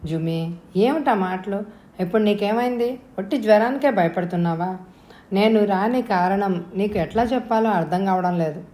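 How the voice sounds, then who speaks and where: A woman's voice: medium pitch, normal speed, dark tone, lightly acted. Woman voicing an anguished pleading young lover. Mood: anxious. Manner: impassioned, earnest pleading. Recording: roomy echo.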